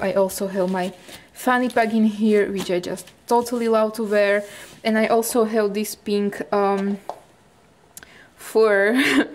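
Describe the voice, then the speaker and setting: Young Czech woman, giggly rambling vlog chat, mid pitch, echoey flat. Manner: chatty, giggly, rambling with fillers. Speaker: fashion vlogger. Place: hallway and walk-in wardrobe of her flat. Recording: echoey hallway.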